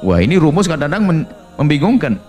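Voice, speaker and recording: A man preaching a sermon in an animated storytelling way, acting out little dialogues and laughing along. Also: on the high side, fast talker, faint music behind.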